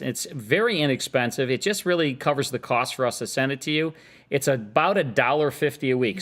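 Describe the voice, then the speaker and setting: A man's voice: mid-range voice, a bit bright. A middle-aged man, co-hosting a radio show in casual, joking chat. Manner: easygoing, joking, plugging the show.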